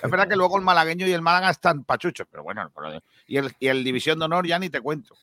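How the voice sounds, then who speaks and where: A man's voice: fairly high pitch, animated, very fast, sharp tone, no room sound, clean studio sound. A man hosting a sports radio show in Spain, joking and sarcastic in casual banter.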